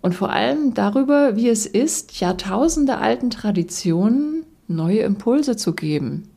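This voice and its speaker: A woman's voice: on the high side, expressive, measured pace, creaky, mellow, husky. A woman hosting a podcast, giving a friendly scripted welcome and asking the guest questions. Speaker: podcast host.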